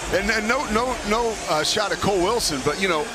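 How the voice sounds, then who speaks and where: A man's voice: high-pitched, lively intonation, a little fast, background noise. An American man calling live football play-by-play as the announcer on a broadcast. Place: broadcast booth at a stadium.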